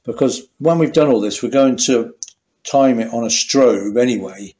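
A man's voice: mid-range voice, moderate pace, darkish tone. Older man explaining engine work. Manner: thinking aloud, restarting sentences while working. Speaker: motorcycle mechanic. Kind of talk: hands-on workshop tutorial. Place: small garage workshop, indoors.

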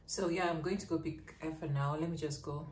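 A young woman talking casually to her camera as a vlogger, chatty and quick to laugh. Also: sits low, steady tone, a little mellow. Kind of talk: casual vlog chat. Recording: echoey room with faint noise.

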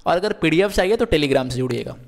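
A man's voice: a little high, lively intonation, fast talker, gravelly, in a large hall. A man teaching English verbs in Hindi, asking questions and answering them himself, with frequent checks that the class is following.

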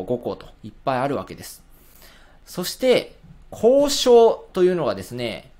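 A man who is a speech-language therapist, explaining in a patient lecture style with spoken examples and filler pauses. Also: a little high.

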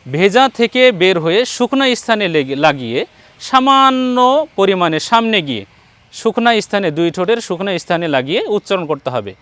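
A man's voice: high-pitched, big pitch swings, brisk, fairly bright tone, clear, resonant tone, dry recording. A man teaching Quran recitation one-on-one, patiently modelling each letter sound and encouraging his student. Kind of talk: patient one-on-one pronunciation lesson.

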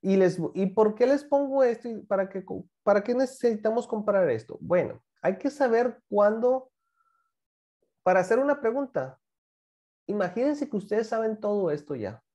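A man's voice: high-pitched, animated, moderate pace, mellow. A man teaching a class, patiently explaining grammar and repeating examples while asking students to join in. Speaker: English teacher.

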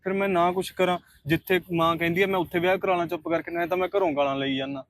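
A man's voice: high voice, fairly even intonation, racing, no room sound, lightly acted. A man playing an earnest young suitor. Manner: pleading, earnest. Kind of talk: short film drama acting.

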